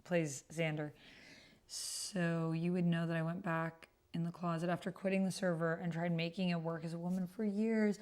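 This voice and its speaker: A woman hosts a casual livestream, chatting while playing a text roleplay game. She's informal and gushing, often half talking to herself, murmuring as she types and reads messages aloud over keyboard clicks. Her voice is on the low side and slightly mellow, with a level tone and moderate pace.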